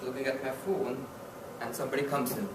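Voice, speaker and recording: A man's voice: medium pitch, flat delivery, brisk. A man from India with an Indian accent giving a humorous contest speech, telling stories and acting out little scenes. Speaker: club contest speaker. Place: meeting hall with an audience. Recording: echoey hall, far mic, audience noise.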